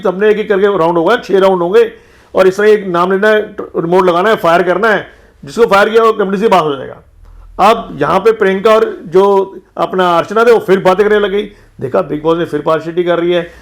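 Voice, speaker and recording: Guy with a high voice doing a quick chatty show recap, quotes everyone back and forth. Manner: retells quarrels by quoting each person in turn. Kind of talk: casual TV episode recap.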